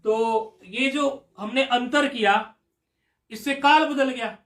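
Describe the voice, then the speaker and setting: High-pitched male teacher lecturing, chants rules slowly, coaxes students; echoey classroom. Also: a bit bright. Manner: drawn-out chanting of sutras, coaxing questions to students. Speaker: Sanskrit grammar teacher. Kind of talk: classroom lecture explaining a grammar rule. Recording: echoey room.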